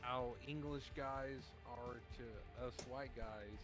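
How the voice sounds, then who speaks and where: A man's voice: mid-range voice, steady tone, slow, music in the background. A man in casual chat, talking hesitantly with many ums and restarts.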